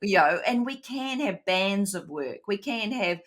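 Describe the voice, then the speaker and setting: A woman with a New Zealand accent co-hosts a podcast over a remote call, talking animatedly in a casual chat. Hay fever makes her a little nasal. Her medium-pitched voice keeps a measured pace, and she frequently restarts and acts out quoted voices.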